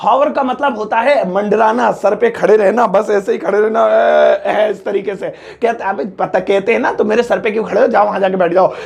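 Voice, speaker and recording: High-pitched joking Indian English teacher. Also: male voice, fairly even intonation, creaky. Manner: jokey, chatty, slows down to spell out English sentences. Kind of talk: spoken English lesson in Hindi.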